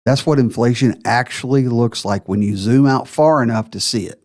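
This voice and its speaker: Man, podcast host, middle pitch, emphatic, step-by-step explainer. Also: normal speed, darkish tone. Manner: emphatic, lays out figures step by step. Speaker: retirement planner host.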